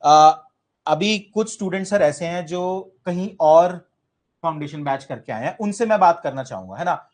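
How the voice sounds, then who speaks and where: A man's voice: on the high side, animated, normal speed, a little mellow. Indian man teaching, code-switching. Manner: mixes Hindi and English, asks the class questions. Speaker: UPSC coaching teacher. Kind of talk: orientation talk to students.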